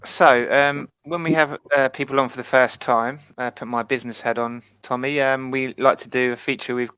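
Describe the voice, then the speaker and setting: A man's voice: medium pitch, fairly even intonation, moderate pace, fairly bright tone, clean tone, dry recording. A man hosting a casual football fan podcast panel, teasing his guests as he steers the chat. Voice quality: bantering, teasing. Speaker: host.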